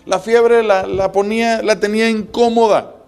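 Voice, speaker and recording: A man's voice: high voice, level tone, moderate pace, a little mellow, smooth. A man preaching a sermon as pastor, building emphasis with rhetorical questions.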